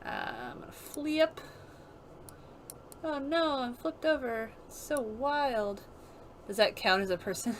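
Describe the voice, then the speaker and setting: A woman giving casual, rambling let's-play commentary as she plays a game, chatty and quick to laugh. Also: on the high side, poor audio. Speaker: gaming streamer. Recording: game music playing behind.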